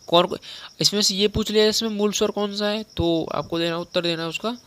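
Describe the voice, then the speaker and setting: A young male teacher with a high, bright voice gives a relaxed grammar lesson. His delivery is crisp and clear, and he keeps repeating definitions and asking the listener questions. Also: brisk. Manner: conversational, repeats points and quizzes the listener. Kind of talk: spoken lesson on Hindi grammar.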